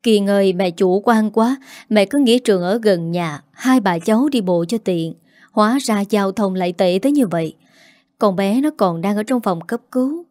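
A woman voicing a distraught, sharp-tongued grandmother in a read-aloud story, with a mellow tone. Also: mid-range voice, dry recording, clean studio sound, lightly acted. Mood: worried. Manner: pleading, then scolding.

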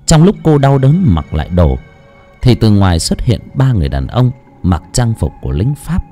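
A man's voice: on the low side, sing-song, normal speed, mellow, faint music behind. A man narrating an audiobook expressively. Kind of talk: storytelling narration.

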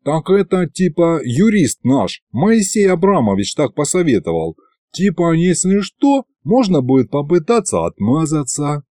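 A man's voice: a little high, big pitch swings, measured pace, warm tone, dry recording, studio quality, voice pushed up. A man voicing a cocky male imp who plays at being tsar, talking in swaggering street slang.

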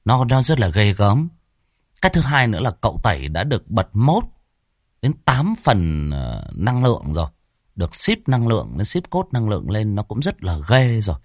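A man hosting and narrating a horror story in a lively, chatty way. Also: on the low side, moderate pace, dry recording, clean studio sound. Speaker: storyteller and channel host.

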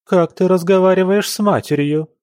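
A man's voice: on the high side, unhurried, mellow, no room sound, clean studio sound, pitched above the performer's own voice, natural voice. A man voicing a melodramatic, fussy older noblewoman, a mother who wails theatrically. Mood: wailing theatrical. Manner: wailing, theatrical.

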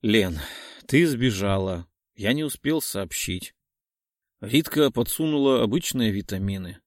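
A man's voice: lowish voice, expressive, a little slow, no echo, clean studio sound. A man reading an audiobook, voicing an earnest young man who pleads with his lover. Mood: explaining.

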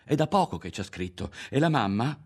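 A man reading aloud, voicing a nervous boy who talks in a bright, hurried and defensive way. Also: medium pitch, very animated, husky, voice pushed up. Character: boy, nervous and quick to invent lies.

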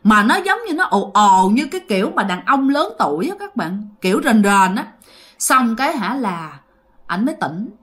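A woman's voice: fairly high pitch, big pitch swings, normal speed, fairly bright tone. A woman telling a ghost story in a chatty way, talking straight to her listeners. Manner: chatty, addresses listeners directly. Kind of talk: spoken ghost story narration.

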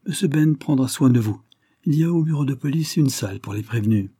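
A man's voice: mid-range voice, animated, a little fast, warm tone, slightly rough, no echo, studio quality, voice pushed up. A man voicing a stern older squire who speaks harshly and with mockery, in an audiobook reading. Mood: scornful. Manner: harsh, curt, mocking.

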